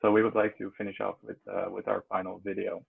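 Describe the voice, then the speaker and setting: Deep gravelly man on a tinny line. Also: flat delivery. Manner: halting, many fillers. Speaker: student presenter. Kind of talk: project presentation. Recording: tinny phone-like audio.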